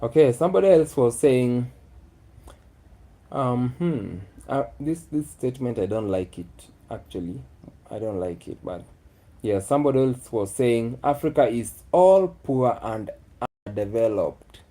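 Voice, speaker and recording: Slow, dark-voiced man. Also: mid-range voice, animated. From Kenya. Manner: musing, repeats phrases, talks to the chat. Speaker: vlogger. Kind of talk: casual live chat with viewers.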